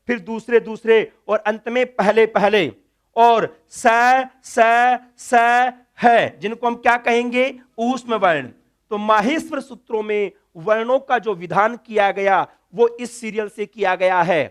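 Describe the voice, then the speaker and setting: A man's voice: high-pitched, clean tone. A man teaching Sanskrit grammar in a classroom lecture, drilling letters one by one and answering his own questions.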